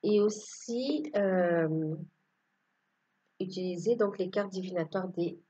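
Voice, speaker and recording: A woman's voice: medium pitch, mellow, lo-fi sound, slight background noise. A woman giving a casual tarot reading to her viewers, hesitant and full of fillers. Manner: hesitant, many fillers and restarts. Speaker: tarot card reader.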